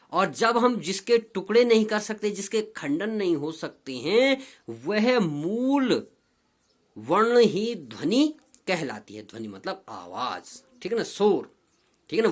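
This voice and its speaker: A male teacher explaining grammar step by step, who keeps checking with "ठीक है ना" and draws out vowels as he demonstrates them. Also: high-pitched. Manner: drawn-out, sing-song vowel demonstrations. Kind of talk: grammar lesson.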